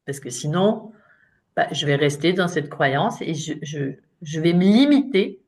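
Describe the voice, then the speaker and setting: A woman's voice: low-pitched, expressive, measured pace, darkish tone. A woman in her late fifties, a coach giving an informal talk in French, chatty and self-mocking with frequent fillers. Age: 50s. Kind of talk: live online talk to an audience.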